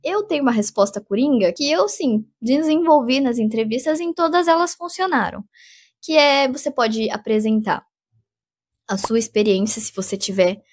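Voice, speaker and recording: A young Brazilian woman with a Brazilian Portuguese accent, chatting casually through advice in a vlog, animated and full of fillers. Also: fairly high pitch. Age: young adult. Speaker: vlogger giving job interview advice.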